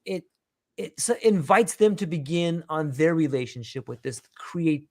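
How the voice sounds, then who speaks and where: A man hosts a casual podcast conversation in a somewhat higher voice than most men. He muses and circles back on his thoughts, talking in a rambling, reflective way. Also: animated, normal speed, a little mellow. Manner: meandering, reflective talker. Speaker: podcast host; father.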